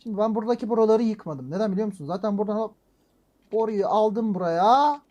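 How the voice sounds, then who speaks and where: Excitable high-voiced man narrating gameplay. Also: quick pace. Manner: talks to himself while playing, excitable, frequent exclamations and mild swearing; swings between calm muttering and loud frustrated outbursts. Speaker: gaming channel host. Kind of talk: let's-play gameplay commentary.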